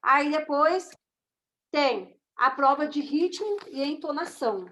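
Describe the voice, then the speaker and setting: A woman's voice: high-pitched, lively intonation, slow pace, a bit bright. A woman with a Brazilian Portuguese accent, lecturing to an online class and often checking in with her listeners. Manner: conversational, with frequent tag questions to the class. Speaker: teacher of a course on reading and writing assessment. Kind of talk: online lecture walking through slides.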